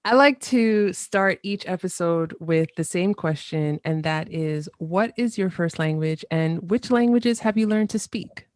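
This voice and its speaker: A woman's voice: on the low side, unhurried, hardly any pauses, dry recording. Upbeat woman hosting a podcast. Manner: upbeat, eager, excited. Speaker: podcast host. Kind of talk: podcast interview and scripted intro.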